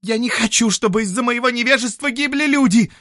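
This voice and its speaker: A man's voice: fairly quick, no echo, studio quality. Man doing a desperate, furious woman. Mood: pleading. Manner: shrill, pleading, shouting. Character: desperate, furious woman seeking forbidden knowledge. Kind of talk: audiobook character voicing.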